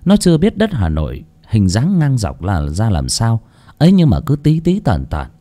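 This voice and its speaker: A man narrating a story aloud with an expressive reading style. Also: medium pitch, normal speed. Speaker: audiobook narrator. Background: faint background music.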